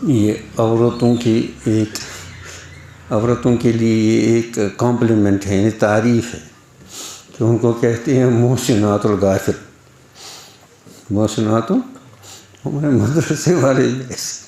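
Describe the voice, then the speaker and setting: A man's voice: mid-range voice, steady tone, long pauses, mellow, roomy sound. A man giving an Islamic lecture in a conversational way, often asking his listeners rhetorical questions and mimicking other people's speech. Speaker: Islamic preacher. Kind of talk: Urdu religious lecture.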